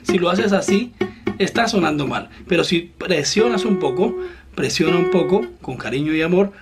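A man giving an online guitar lesson, patient and encouraging, explaining each step slowly and talking straight to the student. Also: high-pitched, animated. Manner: slow, step-by-step instruction. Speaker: guitar teacher. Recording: loud guitar playing behind the voice.

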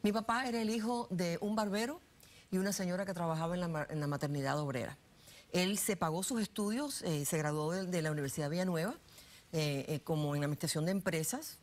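A woman's voice: fairly low pitch, a little mellow. A Cuban-born woman in her sixties telling her life story as a guest in a TV studio interview, chatty and full of fillers and restarts, on a lapel mic. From Cuba. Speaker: guest, political analyst.

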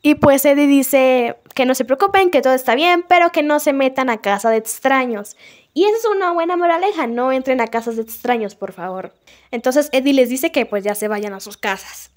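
A woman YouTuber giving chatty, jokey commentary on a game's story, retelling scenes with animated asides. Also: high voice, normal speed. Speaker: gaming YouTuber. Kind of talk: game story analysis commentary.

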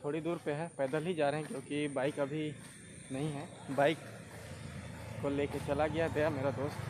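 He's a young adult vlogging his travels outdoors, holding his phone camera as he strolls rural roads and a busy market amid street noise. His voice sits a little high, with a level tone and moderate pace, and he talks to his audience like friends, tour-guide style.

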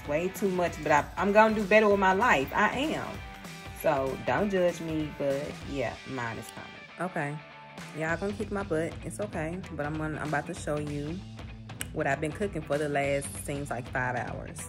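A young woman with a low voice chats casually into a handheld phone camera in her home kitchen. She is playful and pokes fun at herself as she goes. Upbeat pop music plays clearly under her voice. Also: moderate pace. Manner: chatty, playful, self-mocking. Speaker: vlogger and mother. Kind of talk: casual cooking vlog chat. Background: background pop music.

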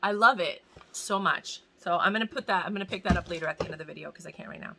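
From a small indoor room overflowing with boxes and bags, a woman in her forties runs a fashion giveaway, talking casually into a camera at desk distance. She rambles and enthuses about the prizes while in pain, speaking fast in a lowish voice with vocal fry, with background noise audible.

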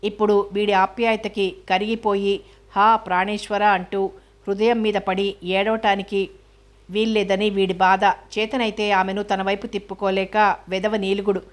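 A woman's voice: mid-range voice, level tone, moderate pace, close to an everyday voice. A woman reading the lines of a hot-tempered male friend who scolds bluntly, in a storybook reading. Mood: scolding. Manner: scolding and forthright.

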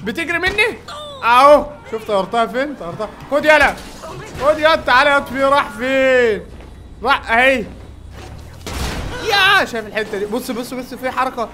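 Egyptian-accented male gaming creator, very high bright voice, rapid excitable play-by-play commentary. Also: a little hiss or hum. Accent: Egyptian Arabic. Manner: excitable, yells at game characters. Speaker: gaming YouTuber.

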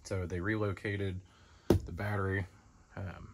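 A man giving a relaxed, conversational walkaround of a car in a large indoor showroom, speaking from behind the camera. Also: low voice, measured pace, creaky, very noisy. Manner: relaxed, conversational, lots of fillers. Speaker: car dealer. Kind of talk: casual walkaround sales tour.

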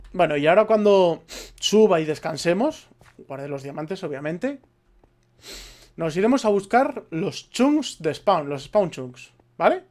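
Swearing Spaniard gamer muttering while playing. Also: male voice, high-pitched, lively intonation, slow, pauses often, a little mellow, slight background noise. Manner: swears a lot, mutters to himself. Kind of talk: let's play commentary.

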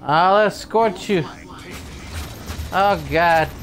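A man chatting loudly and jokily with a friend while streaming a game. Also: high voice, very slow. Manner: loud, excitable, joking. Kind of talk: casual gaming chat. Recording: noisy home stream audio.

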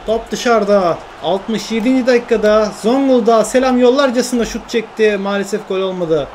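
A young man commentating his own football video game play, shouting at teammates between frustrated and joking remarks. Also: high-pitched, moderate pace, a little hiss or hum. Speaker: gaming YouTuber.

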